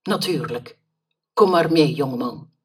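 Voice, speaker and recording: A woman's voice: deep voice, slow pace, slightly rough, recorded from a distance, full character voice. Woman reading as a polite pet shop lady. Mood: friendly. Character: friendly middle-aged female pet shop keeper.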